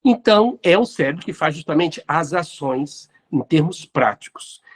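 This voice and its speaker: A man's voice: fairly high pitch, expressive, normal speed, husky. A man, hosting and answering listener questions in an explanatory talk on neuroscience and spirituality. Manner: didactic, addresses listeners directly.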